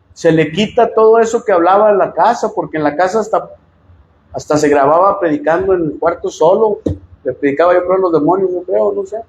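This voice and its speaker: A Mexican pastor preaching a sermon, swinging from loud emphatic lines to low asides. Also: male voice, echoey room, a little hiss or hum, poor audio.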